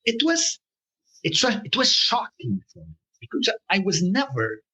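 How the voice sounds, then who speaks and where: A man with a Brazilian Portuguese accent talks as an interview guest, pausing often and restarting his sentences. His voice sits a little high, with a bright tone that moves widely in pitch. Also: huge pitch swings, slightly rough, low-quality recording. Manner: halting, many fillers and restarts, searches for words. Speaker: political cartoonist, guest. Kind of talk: interview conversation.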